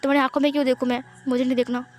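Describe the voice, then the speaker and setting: A woman's voice: sits high, flat delivery, rapid-fire, darkish tone, a little hiss or hum, natural voice. A woman voicing a puzzled young man who bluntly turns down a friend, in a read-aloud fan story.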